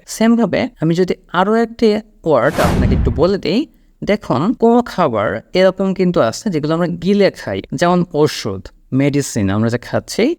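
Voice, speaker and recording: A man teaching an online English lesson, explaining patiently and repeating words slowly for learners. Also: a little high, darkish tone, dry recording, studio quality.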